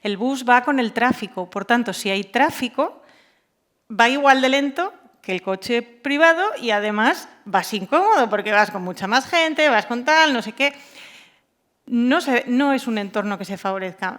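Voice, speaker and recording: A woman from Asturias, Spain, speaks informally at a round-table panel, colloquial and full of anecdotes, repeating words for emphasis. Her voice is fairly high and a bit bright.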